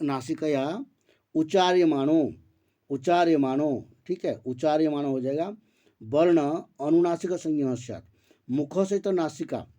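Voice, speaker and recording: धीमी, सधी आवाज़ में समझाता शिक्षक. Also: male voice, fairly high pitch, warm tone. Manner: explains step by step, asks and answers his own questions; recites sutras slowly, syllable by syllable. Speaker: Sanskrit grammar teacher. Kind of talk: online grammar lesson.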